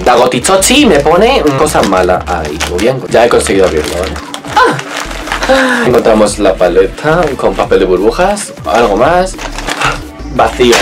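A man with a Spanish accent from Spain, chatting playfully and exclamatorily as a makeup vlogger unboxing a palette. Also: medium pitch. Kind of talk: casual unboxing chat.

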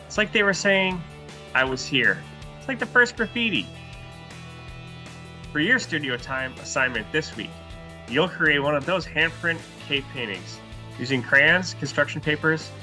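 Upbeat male art teacher in his 30s, bright kid-friendly delivery, soft guitar music underneath. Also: mid-range voice. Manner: upbeat, enthusiastic, talks to children. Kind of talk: online art lesson for young kids. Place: virtual classroom backdrop, indoors.

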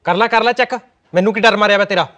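An actor playing a gruff but kindly older father-in-law who scolds and bickers, with faint music behind. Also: sits high, fast, pushed and bright. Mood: bickering. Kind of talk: amateur short-film acting.

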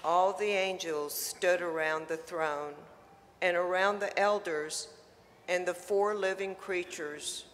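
Very slow man reading scripture. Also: high voice, fairly even intonation, a bit bright. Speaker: lector. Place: large church. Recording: long church reverb.

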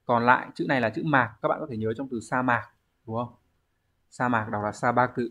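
A man's voice: medium pitch, fairly quick, fairly bright tone. Man teaching an exam review. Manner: explanatory, asks and answers own questions. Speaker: Japanese language teacher.

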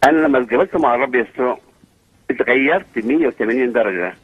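A man's voice: medium pitch, fast talker, husky, no echo, phone-quality sound. A man from Egypt with an Egyptian accent, calling in to share a personal testimony earnestly and quoting scripture. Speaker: caller.

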